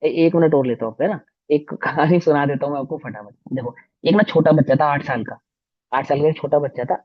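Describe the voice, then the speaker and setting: A man teaching a religious lesson to children, telling stories with animated delivery and often asking the class questions. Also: on the high side, a little fast, dull audio.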